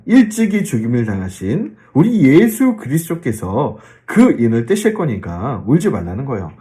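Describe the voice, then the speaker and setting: Animated Korean pastor giving a Bible lecture. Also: male voice, medium pitch. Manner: animated, drawn-out fillers, rhetorical questions to the listeners.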